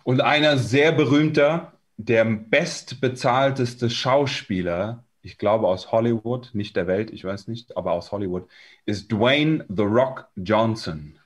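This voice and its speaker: A German man preaching a sermon in short, conversational phrases, pausing for his interpreter. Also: fairly low pitch.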